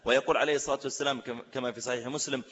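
A man preaching a sermon, telling stories in an animated way and asking rhetorical questions. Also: mid-range voice, racing, big-room sound, dull audio. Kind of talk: sermon with storytelling.

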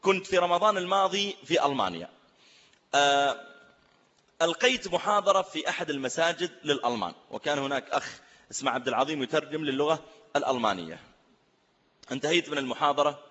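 Fast-talking preacher in an echoey hall. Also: male voice, a little high, lo-fi sound. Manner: animated storyteller, poses rhetorical questions. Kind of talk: sermon with storytelling.

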